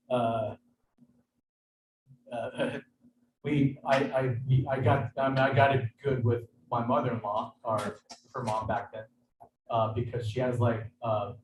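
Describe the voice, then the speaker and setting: A man, a chef, giving a casual cooking demonstration in a kitchen over a video call. He talks in a hesitant, halting way, with lots of fillers and restarts. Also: mid-range voice. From United States. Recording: echoey room, far from mic, background noise.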